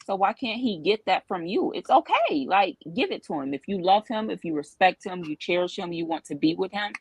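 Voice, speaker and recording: A woman's voice: medium pitch, lively intonation, brisk, slightly rough, dry recording, poor audio. A woman in her thirties, a show co-host, telling personal stories and giving earnest relationship advice in a candid, conversational way. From Cincinnati area.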